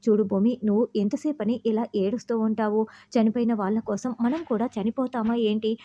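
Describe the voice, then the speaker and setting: A woman's voice: fairly high pitch, steady tone, fairly quick, warm tone, close to an everyday voice. A woman reading the lines of a worried sister who coaxes and pleads with the family. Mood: coaxing. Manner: coaxing, pleading. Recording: dull lo-fi audio.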